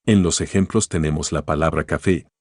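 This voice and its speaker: Deep husky male teacher, dry sound. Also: fairly quick, dry recording. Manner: calm, explanatory, guides listener through an imagined story. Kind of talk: spoken grammar lesson.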